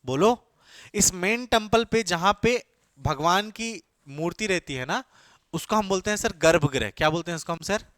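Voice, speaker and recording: Bright high-voiced lecturing man. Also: no room sound, clean studio sound. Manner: call-and-response, keeps asking the class and answering himself; mixes English terms into Hindi. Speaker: teacher. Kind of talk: exam-coaching lecture.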